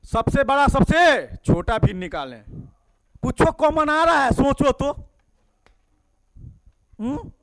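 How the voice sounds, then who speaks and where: A man with a Bihari Hindi accent teaches a math class. His voice sits high and leaps up and down as he coaxes students with quick questions. Classroom teaching, full of prompts. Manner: lively, coaxing questions to students.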